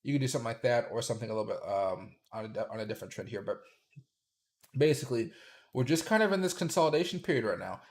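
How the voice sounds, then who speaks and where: With lively intonation and a quick pace, a man hosts a relaxed crypto livestream in a mid-range voice. Several days of streaming have made it a bit sore and raspy, and he rambles with lots of fillers, welcoming chat viewers by name.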